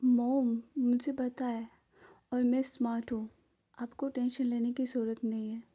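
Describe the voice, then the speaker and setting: A woman's voice: on the high side, little pitch movement, a little slow. A woman doing a bold young billionaire woman. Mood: self-assured. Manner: sharp, confident, dismissive. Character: bold, self-assured young female billionaire.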